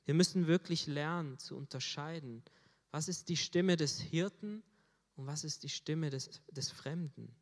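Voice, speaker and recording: A man delivering a sermon at a slow, deliberate pace, his fairly high voice lifting in force on key phrases. The sound rings out with the long reverb of a church hall. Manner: earnest, rising emphasis on key phrases. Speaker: preacher.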